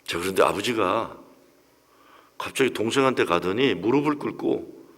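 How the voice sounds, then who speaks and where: A man's voice: fairly low pitch, expressive, normal speed, a bit bright. A pastor in his sixties telling a personal story in a sermon, with emotional storytelling. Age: 60s. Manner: emotional storytelling, acts out quoted voices. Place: church sanctuary. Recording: long reverb of a church hall.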